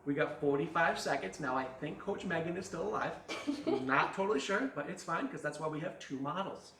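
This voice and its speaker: A man's voice: a little high, lively intonation, fairly quick, fairly bright tone, echoey room, a little hiss or hum. Guy leading stretches in a gym, jokey, counting down, sounds a bit far off from the mic. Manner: joking, upbeat instruction with counting. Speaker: fitness coach. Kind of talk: guided stretching class. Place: fitness studio.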